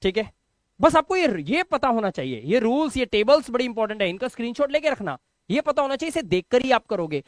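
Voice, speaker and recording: Patient man teaching slowly, dry sound. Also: very high voice, very animated, no room sound. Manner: patient, repeats words slowly and checks understanding. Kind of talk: online lesson explaining Hindi to English spelling.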